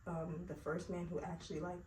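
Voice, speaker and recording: A woman's voice: lowish voice, level tone, brisk, warm tone. A woman in her late twenties telling her personal faith testimony in an earnest, chatty way, with lots of fillers. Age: 20s. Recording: roomy, distant mic, noisy background.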